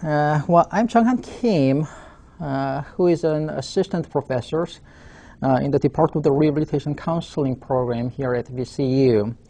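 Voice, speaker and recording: A Korean university professor in his forties, speaking with a Korean accent, gives a webcast lecture. He speaks haltingly, filling pauses with frequent "uh"s, in a warm voice on the high side.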